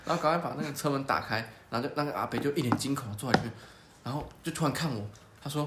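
Fast-talking man telling a lively story. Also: mid-range voice, reverberant, background noise. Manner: animated, acts out quoted people. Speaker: podcast host. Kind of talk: casual storytelling chat.

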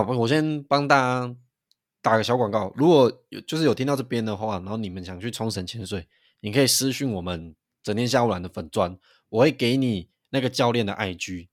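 A man, co-hosting a podcast and telling a story in an animated way, with frequent restarts. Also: fairly low pitch, no echo, studio quality. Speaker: podcast co-host. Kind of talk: casual chat.

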